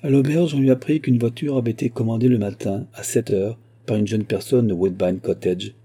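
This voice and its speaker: A man narrating a classic novel as an audiobook reader, in a steady, measured reading voice. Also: medium pitch, breathy edge. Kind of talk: scripted narration.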